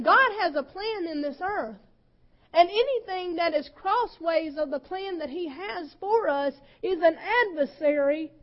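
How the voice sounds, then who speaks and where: A woman pastor preaching a sermon with passion, her voice sometimes breaking with emotion and swinging between loud and soft. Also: extremely high pitch, muffled recording.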